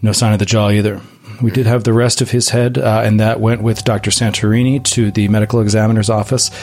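A man voicing a halting small-town policewoman. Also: fairly low pitch, level tone, darkish tone. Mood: matter-of-fact. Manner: halting, many ums and restarts. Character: small-town woman police officer, patient. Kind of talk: tabletop role-play.

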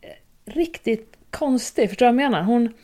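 A woman in casual chat, telling a work story in a lively, filler-heavy way. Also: on the high side.

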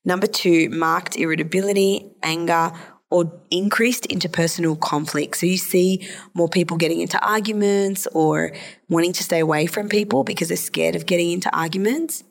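A psychologist who hosts a podcast explains a topic on her own in a solo episode. Her fairly low voice comes out a little hoarse and nasal because of a sore throat, and she speaks at a normal speed.

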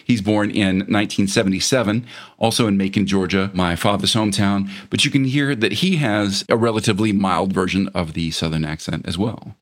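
Measured middle-aged American man, lowish voice. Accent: General American. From American South. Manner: measured, explanatory. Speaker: linguist guest. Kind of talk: radio interview answers.

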